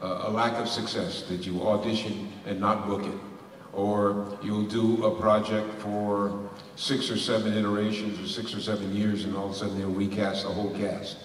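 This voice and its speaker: A man's voice: fairly low pitch, little pitch movement, normal speed, hardly any pauses, far from the mic. A man speaking as a voice actor on a convention panel, rambling with lots of restarts and laughs. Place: large convention hall. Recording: echoey hall recorded from afar.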